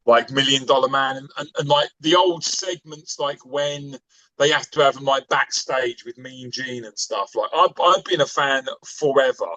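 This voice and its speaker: A man's voice: medium pitch, moderate pace, bright, forceful tone, no echo, highs cut off. A man in his forties chatting on a podcast as a guest, rambling and enthusiastic, with plenty of fillers. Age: 40s. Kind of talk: casual chat.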